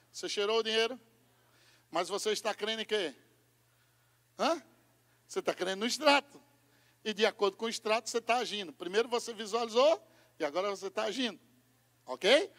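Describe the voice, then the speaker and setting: A Brazilian man preaching a sermon as pastor, moving from hushed asides to loud shouting. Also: high-pitched, animated, normal speed, long pauses, in a large hall. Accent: Brazilian Portuguese.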